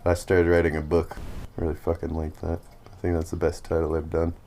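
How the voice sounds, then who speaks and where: A man's voice: low voice, completely flat delivery, fairly quick, crowd noise. A young man hosting a podcast in casual chat, crude joking and laughing often. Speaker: podcast host.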